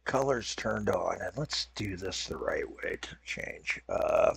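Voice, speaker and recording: Taking it slowly, this host has a low voice with lively intonation, vocal fry, and a breathy edge, recorded with no room sound. Stuffed up and raw-throated from a cold, he gives rambling let's-play commentary, self-correcting and apologetic.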